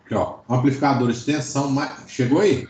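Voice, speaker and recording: A man's voice: medium pitch, fairly quick, darkish tone. A Brazilian man giving an informal online electronics lecture, explaining things and often checking in with short tags. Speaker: electronics teacher. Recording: roomy, echoing online class audio.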